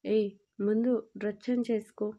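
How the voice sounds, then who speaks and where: Teasing, doting young husband, read by a woman storyteller; warm, level delivery for an audio story. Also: mid-range voice, little pitch movement, normal speed, highs cut off, natural voice. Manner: playful and doting.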